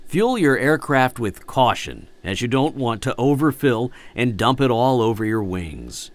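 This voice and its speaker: A man reading a scripted flight-training voice-over in a clear, instructive, measured way. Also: mid-range voice, sing-song, dry recording.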